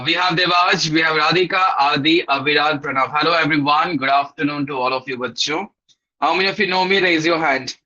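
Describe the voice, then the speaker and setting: A male teacher with an Indian accent speaks in a fairly high voice through slightly dull, lo-fi audio. He runs a live online class for children, casually greeting and checking in with them in an upbeat, encouraging manner. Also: pushed and bright.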